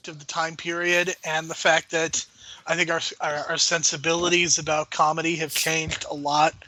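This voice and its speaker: A man co-hosting a podcast, talking films in a measured way and often hedging his points. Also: a little high, flat delivery, sharp tone, no echo, rough recording. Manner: measured, hedging with frequent "I think". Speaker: podcast co-host. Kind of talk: casual film discussion.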